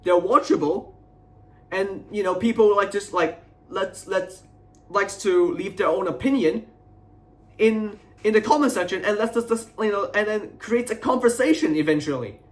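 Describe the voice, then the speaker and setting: Venting to his audience, a young video creator sounds frustrated and wronged, rambling without a script, stopping and repeating himself. He speaks in a high voice.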